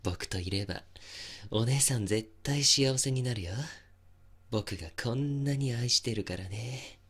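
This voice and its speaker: A man playing an obsessive, possessive young stalker in an intimate ASMR voice drama, softly coaxing and teasing with menace. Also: medium pitch, measured pace, husky. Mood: tender, possessive, menacing.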